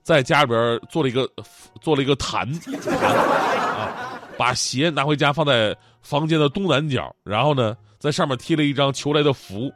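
A man's voice: mid-range voice, moderate pace, faint music behind. A man, hosting and telling funny stories lots of laughter. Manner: animated, joking, laughing often. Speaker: host. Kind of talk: comedic storytelling.

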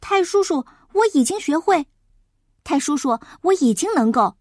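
Eager, polite boy of ten, voiced by a woman storyteller, high and lively, close and dry. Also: moderate pace, no room sound. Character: earnest hardworking boy of about ten.

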